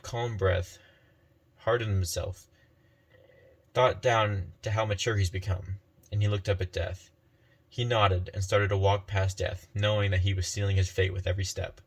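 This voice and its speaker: Low-voiced man narrating a fantasy tale. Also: slightly rough. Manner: unhurried reading with frequent self-corrections. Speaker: storyteller.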